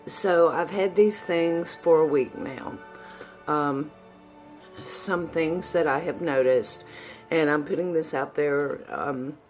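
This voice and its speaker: A woman giving a casual, candid, folksy update to viewers, her s sounds whistling through new dentures. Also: low voice. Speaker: vlogger.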